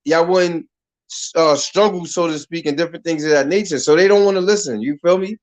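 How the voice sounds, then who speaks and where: A man's voice: fairly high pitch, brisk, low-quality recording. A man in his thirties from Harlem, hosting a radio talk show in a loose, slangy way and often restarting his sentences. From Harlem, New York. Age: 30s.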